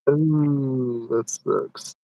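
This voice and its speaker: A man's voice: mid-range voice, fairly even intonation, extremely slow, dark tone, no echo, low-quality recording. A man chatting casually on a live stream while working deliveries, easygoing and chuckling, with frequent stammered restarts.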